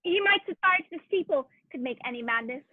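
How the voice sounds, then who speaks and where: Woman as high-voiced Doctor Watson, tinny recording. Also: animated, fast, dry recording. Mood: alarmed. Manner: proper, earnest, old-fashioned exclamations. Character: earnest, indignant male doctor, the detective's loyal companion. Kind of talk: 1940s-style radio play acting. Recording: tinny, phone-like, dry audio.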